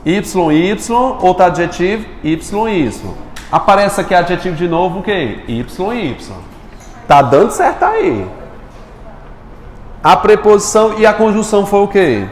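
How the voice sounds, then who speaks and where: A man's voice: high voice, very animated, unhurried, slight background noise. A man teaching a live grammar class, quizzing his students and answering his own questions. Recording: echoey room with long reverb.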